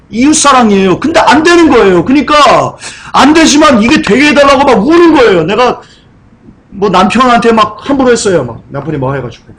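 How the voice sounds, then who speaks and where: A man preaching a sermon in a church, asking the congregation questions and rising into high, pleading cries. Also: a bit bright. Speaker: pastor. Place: church sanctuary.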